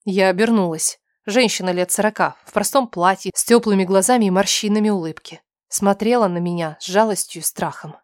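A woman's voice: mid-range voice, a little fast, no echo, clean studio sound. Woman tensely narrating an audiobook. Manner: tense, emotional, soft-voiced delivery. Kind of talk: first-person dramatic story reading.

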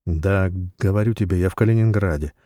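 A steady, unflustered husband speaks low and firm, as the male narrator voices him. His voice is deep and mellow. It sounds dry and close. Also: a little fast, dry recording, natural voice. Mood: calm firm. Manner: calm, firm, even. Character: calm, weary man in debt, middle-aged.

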